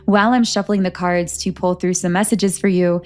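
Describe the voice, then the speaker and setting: A woman reading tarot for her channel, speaking in an earnest, flowing way with a medium-pitched voice. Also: fairly even intonation, a little mellow. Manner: earnest, flowing, self-aware of speaking fast. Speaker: tarot reader. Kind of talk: spiritual channeling monologue.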